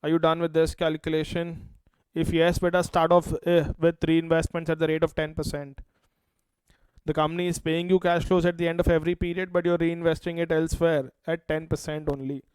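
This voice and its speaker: A man's voice: on the high side, level tone, fairly quick, a little mellow, clean tone, no room sound, low-quality recording. A man with an Indian accent teaching a finance class, repeating key points in an instructive way and addressing students directly. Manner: repetitive, instructive, addresses students with affectionate terms. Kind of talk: classroom lecture.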